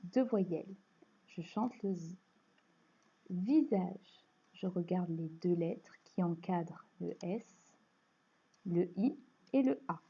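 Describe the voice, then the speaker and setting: A woman with a French accent teaching a phonics lesson to young children, explaining slowly and patiently. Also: lowish voice, warm tone, breathy edge. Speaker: primary school teacher. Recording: dull lo-fi recording.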